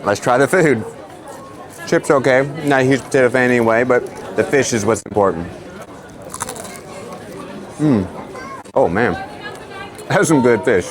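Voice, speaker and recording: An American travel vlogger chats casually while walking around a windy harbour pier, thinking aloud with plenty of fillers. His medium-pitched voice moves at a measured pace with frequent pauses, and crowd noise is audible.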